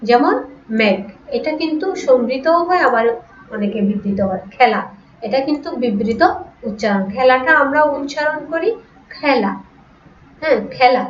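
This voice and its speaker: Female teacher, slightly high voice, patient repeating lecture, roomy lo-fi recording from afar. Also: animated, slight background noise. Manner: explains slowly, repeats example words, asks rhetorical questions. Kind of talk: online class lecture. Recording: echoey room, distant lo-fi mic.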